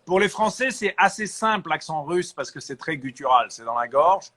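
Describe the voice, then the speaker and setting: Bright-voiced man giving advice. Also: a little high, normal speed. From France. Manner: animated, advice-giving, chatty with fillers. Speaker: guest actor. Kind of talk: casual interview chat.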